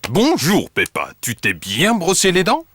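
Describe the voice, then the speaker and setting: A man's voice: sits high, huge pitch swings, unhurried, pushed and bright, exaggerated voice. A man voicing a jovial, kindly elephant dentist in a preschool cartoon, with a coaxing, sing-song manner. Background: music.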